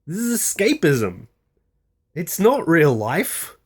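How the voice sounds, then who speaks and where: A person on an unscripted rant, speaking bluntly and with exasperation, swearing at times and repeating phrases for emphasis in a halting way. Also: mid-range voice, huge pitch swings, husky. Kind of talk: unscripted opinion rant to camera.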